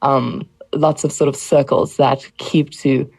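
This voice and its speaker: A woman's voice: a bass voice, fairly even intonation, takes it slowly, creaky, darkish tone, slightly rough, poor audio. A woman from South Africa co-hosting a podcast, speaking thoughtfully and hesitantly. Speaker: podcast co-host. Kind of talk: casual chat.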